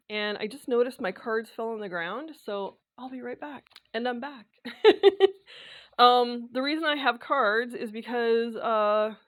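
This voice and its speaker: A woman vlogging in a casual, rambling chat, full of fillers and quick laughs, her voice slightly worn from dry air. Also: fairly high pitch. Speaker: sewing and knitting vlogger.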